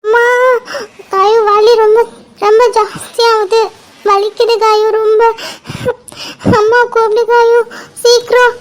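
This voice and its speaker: A woman's voice: extremely high pitch, little pitch movement, slow pace, pauses often. A woman voicing a frightened young mother in labor. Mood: pained pleading. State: in pain.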